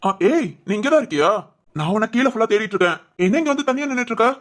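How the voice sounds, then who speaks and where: A man voicing a young husband in an animated family story, who nags with quick questions and then coaxes gently. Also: very high-pitched. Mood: scolding. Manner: quick, bossy questioning that turns coaxing.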